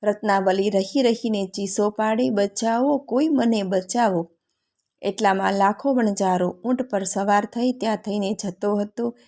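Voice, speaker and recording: A woman narrating a folk tale in a calm, steady storytelling manner. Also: medium pitch, normal speed.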